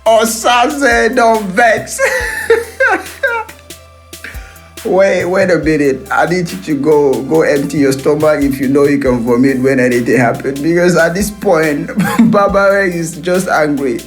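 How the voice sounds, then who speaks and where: Male movie reviewer, casual video, excitable and laughing, higher voice. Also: moderate pace, few pauses, faint music behind. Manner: excitable, laughs often, mixes in pidgin.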